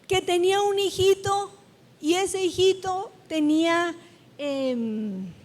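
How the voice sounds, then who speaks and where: A woman's voice: very high-pitched, slow. A woman pastor preaching a sermon in a church, emphatic and repetitive, drawing out her phrases. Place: church sanctuary. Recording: long church-hall reverb.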